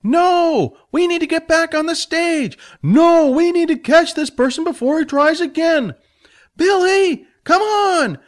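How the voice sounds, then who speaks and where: A man voicing an exasperated male adventurer companion who scolds in a high, strained voice. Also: lively intonation, takes it slowly, hardly any pauses, exaggerated voice. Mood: shouting.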